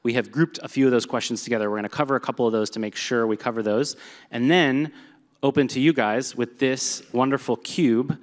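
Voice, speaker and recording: In a big echoing hall with a live audience, a man speaks fairly quickly in a steady, mid-range voice while presenting at a company meetup. His talk is upbeat and conversational, dotted with fillers, and the recording carries long hall reverb.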